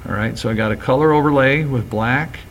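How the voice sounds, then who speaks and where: A man teaching graphics, talking through each step of a screen-recorded software tutorial in a relaxed, chatty way. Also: mid-range voice, a little fast, a little hiss or hum.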